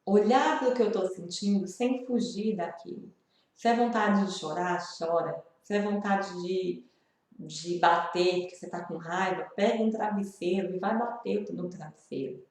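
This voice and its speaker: A woman's voice: on the low side, a little slow, a little mellow, very echoey. A woman with a Brazilian accent, talking earnestly and confidingly to the viewer in a personal vlog. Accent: Brazilian Portuguese. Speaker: video host sharing grief advice. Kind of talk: personal vlog talk to camera.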